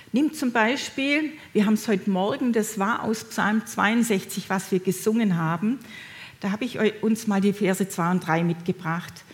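Middle-aged woman giving a sermon, warm-hearted direct address, average pitch. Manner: gentle, encouraging, speaks directly to listeners. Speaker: preacher.

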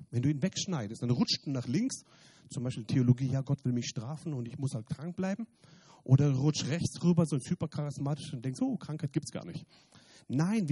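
A man preaching a sermon and giving his testimony, repeating phrases and swinging from loud emphatic bursts to quiet remarks in a church. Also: a little high, slightly rough. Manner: repeats phrases, restarts words.

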